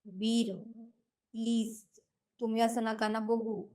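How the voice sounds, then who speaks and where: A woman voicing a timid young wife in an audio story reading, soft-spoken and hesitant, with a fairly high voice. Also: level tone, slow pace. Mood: shy.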